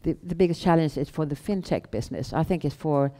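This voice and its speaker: A middle-aged woman with a Swedish accent, answering questions on stage in a measured, halting way with pauses. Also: deep voice, mellow. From Sweden. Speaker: guest, bank founder and chief executive. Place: indoor event room on a small stage. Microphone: headset.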